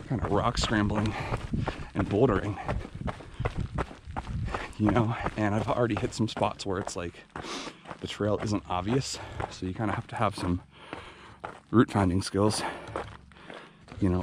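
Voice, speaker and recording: A man vlogging while hiking a remote canyon trail, talking in a relaxed, rambling, half-whispered way. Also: fairly low pitch, noisy background. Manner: relaxed, rambling, lots of fillers. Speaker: trail runner vlogging a hike. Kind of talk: casual outdoor vlog narration.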